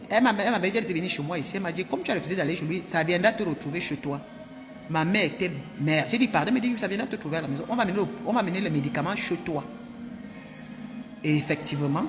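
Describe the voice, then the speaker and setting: A woman tells her viewers a story at a quick clip. She talks in an animated, emphatic way, circling back and repeating herself. Her voice rings in a roomy space, with faint music underneath. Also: lowish voice. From Cameroon. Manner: animated and emphatic, with frequent repetitions. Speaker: vlogger.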